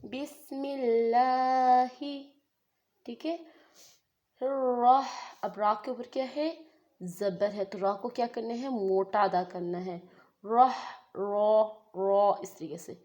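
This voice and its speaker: A woman teaches Quran recitation step by step. She chants phrases slowly and stretches them out, then explains each rule by asking and answering her own questions. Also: medium pitch, darkish tone. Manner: slow, drawn-out recitation between patient explanations. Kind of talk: step-by-step tajweed lesson.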